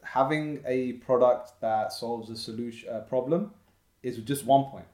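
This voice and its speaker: A man's voice: medium pitch, a little slow, a little mellow. A man in his thirties, a podcast guest, giving earnest, motivational business advice in casual conversation. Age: 30s. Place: indoor room with bookshelf. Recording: roomy echo.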